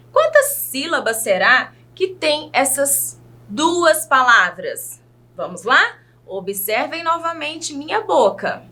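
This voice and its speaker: Slow, lively Brazilian woman teacher. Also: sits high. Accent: Brazilian Portuguese. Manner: slow, careful syllable-by-syllable enunciation; patient, addresses young pupils directly. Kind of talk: children's video lesson.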